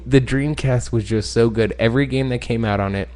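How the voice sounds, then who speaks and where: A man co-hosting a podcast in casual chat, excitable, joking and profane. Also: medium pitch, a little fast, background noise. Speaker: podcast co-host.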